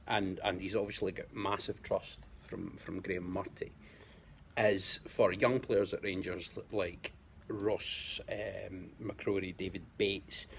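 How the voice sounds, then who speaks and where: A man with a Scottish accent, a guest pundit in a casual football chat, talking in a measured way and repeating words as he finds his point. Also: deep voice, fairly even intonation, creaky, a little hiss or hum.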